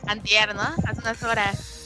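A woman's voice: mid-range voice, unhurried, over music. A young Mexican woman in casual chat, telling stories and acting out the messages she quotes. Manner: animated storyteller, acts out quoted messages.

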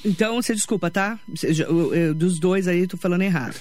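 A woman's voice: fairly low pitch, quick pace, darkish tone, no echo. A Brazilian woman hosting a live radio talk show, chatty and self-deprecating, reading out listener messages. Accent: Brazilian Portuguese. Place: radio studio.

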